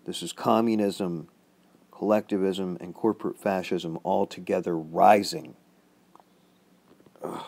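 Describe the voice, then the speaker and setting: A man with a deep, dark, mellow voice gives activist commentary. He lists items emphatically, in short declarative phrases. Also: steady tone, unhurried, vocal fry.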